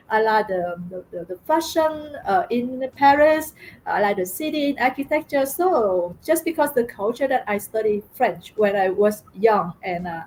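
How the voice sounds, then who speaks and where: Speaking at a fairly high pitch with a darkish tone, a middle-aged woman from Vietnam shares her story in an interview. Her Vietnamese accent is clear, and she hesitates with lots of fillers and repeated words. The recording is rough, with slight background noise.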